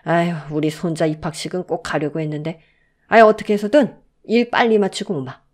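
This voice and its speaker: A woman's voice: fairly low pitch, fairly quick, natural voice. A woman voicing a doting older grandfather who speaks fondly to his grandson.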